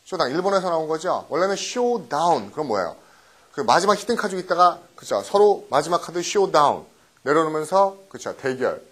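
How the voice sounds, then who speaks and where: A middle-aged man teaching English vocabulary in a recorded lecture, often quizzing his students with quick questions and tag checks. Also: a little high, big pitch swings, a bit bright. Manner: mixes English words into explanations.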